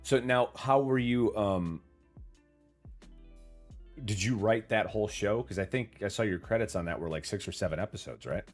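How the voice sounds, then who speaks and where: A man with a very low voice hosts a loose, friendly interview. He keeps things casual, throwing in the odd swear word. Faint music plays quietly underneath. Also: normal speed. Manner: laid-back, swears casually, says "dude". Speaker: interview host.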